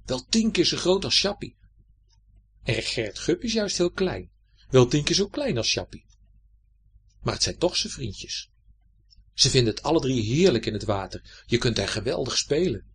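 A man reading a children's story aloud in a lively, expressive way. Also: mid-range voice, slightly rough.

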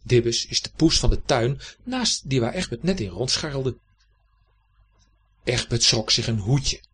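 A man reading a bedtime children's story in a gentle, playful way. His voice is deeply husky and breathy. He takes his time and lets his pitch rise and fall in a lively, animated way. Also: unhurried.

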